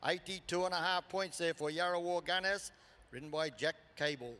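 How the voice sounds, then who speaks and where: Aussie guy calling a live campdraft over the pa, highish voice, big echoey arena. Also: normal speed, sharp tone. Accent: Australian. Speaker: arena commentator and announcer. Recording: PA echoing through large arena.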